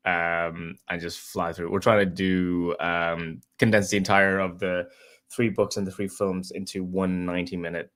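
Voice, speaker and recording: A man, maybe, chatting loosely on a livestream, halting with many fillers and often laughing. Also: low-pitched, a bit bright. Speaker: co-host of a writing livestream. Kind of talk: casual livestream chat.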